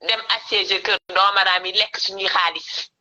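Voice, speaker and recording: A woman's voice: mid-range voice, flat delivery, normal speed, pushed and bright. A woman from Senegal with a Senegalese accent, calling into a live stream, heard through a phone held on speakerphone, insistent and repeating herself for emphasis. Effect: phone call played over a speakerphone. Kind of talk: impassioned political call-in.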